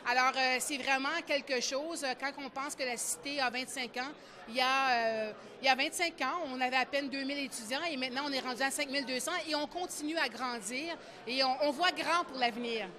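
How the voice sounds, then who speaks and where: A middle-aged woman, an institute director speaking proudly with many pauses. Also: high-pitched. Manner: warm, proud, with many fillers.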